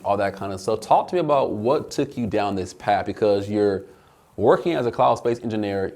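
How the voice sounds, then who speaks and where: A man hosting a finance channel, pitching the video energetically, then interviewing a guest with many restarts. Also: darkish tone. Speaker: host.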